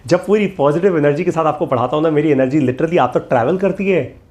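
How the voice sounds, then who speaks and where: Fast and a little mellow, a middle-aged man with a fairly high pitch teaches a motivational course. His delivery is emphatic, key lines come back repeatedly, and English phrases slip in.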